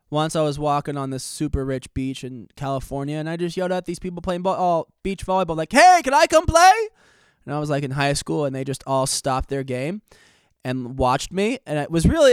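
A man's voice: on the high side, normal speed, smooth, no echo, clean studio sound. A man in his late twenties hosting a podcast, telling a story in a rambling, self-deprecating, jokey way while slightly out of breath. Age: 20s. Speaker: podcast host.

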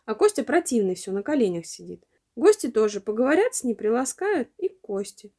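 A woman narrating a children's storybook in an expressive reading voice. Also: a little high, a little fast.

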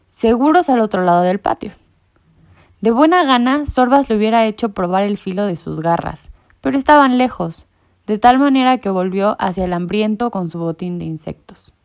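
A woman narrating a storybook with expressive storytelling. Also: mid-range voice. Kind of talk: storybook reading. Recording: muffled lo-fi recording.

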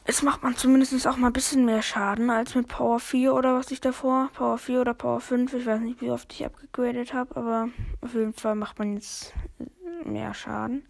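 A woman with a fairly high voice commentates on the game being played. The delivery is casual and chatty, full of gamer slang, as if thinking aloud while playing. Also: flat delivery, fairly quick, gravelly. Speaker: gamer commentating own play. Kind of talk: casual let's play commentary.

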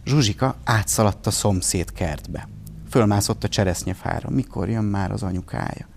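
A man reading a children's tale aloud in an expressive storybook style, giving each character a voice of its own. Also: lowish voice, gravelly, slight background noise.

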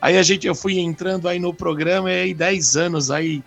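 A man's voice: high-pitched, fairly even intonation, moderate pace, vocal fry, a bit bright, dull audio. A Brazilian man co-hosting a radio show in casual, conversational chat.

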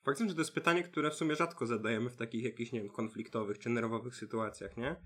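A man hosting a podcast interview, asking questions and thoughtfully summarizing his guest's points. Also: mid-range voice.

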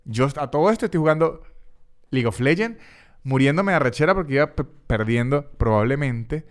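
A man's voice: mid-range voice, expressive, brisk. A young Venezuelan man hosting a podcast, telling a story casually, acting out the voices and repeating words for comic effect. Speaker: podcast host.

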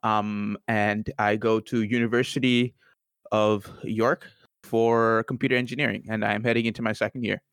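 Low-pitched young man, smooth and dry. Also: little pitch movement, moderate pace, fairly bright tone, no echo. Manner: hesitant, many fillers and restarts. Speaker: podcast co-host. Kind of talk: casual podcast chat. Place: student university, Canada.

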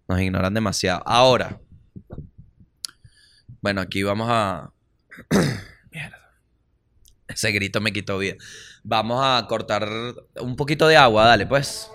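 A man with a Venezuelan accent hosting a casual comedy podcast, animated, slangy and profane. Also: fairly low pitch. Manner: animated, slangy and profane, acts out little voices. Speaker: podcast host.

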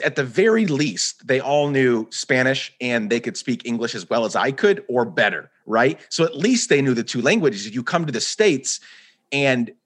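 A man's voice: mid-range voice, fairly bright tone. A man hosting a conversational interview, who grew up in Guatemala, talking earnestly in long run-on thoughts. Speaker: host.

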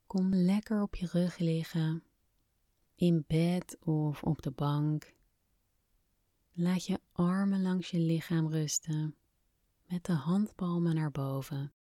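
A woman guiding a relaxation exercise in a soft, breathy, soothing near-whisper, like a spa meditation. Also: low voice, steady tone, slow pace, pauses often, dry recording, clean studio sound. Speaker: podcast host, relaxation guide.

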